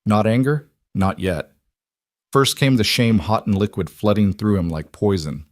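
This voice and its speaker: A man doing steady, dramatic scripted narration of a story. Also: on the low side, unhurried, no room sound, studio quality.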